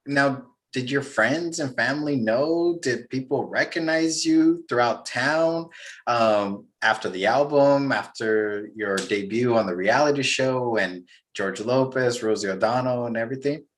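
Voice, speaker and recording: A man's voice: mid-range voice, a little slow. A man hosting a casual interview, asking loose, friendly questions and laughing easily. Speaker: interviewer host.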